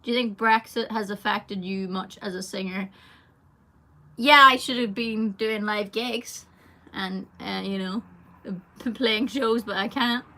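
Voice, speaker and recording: Reading out viewer comments on a casual livestream, the young singer wanders from thought to thought and leans on fillers. She speaks at a measured pace in a medium pitch, with fairly even intonation and a pushed, bright quality.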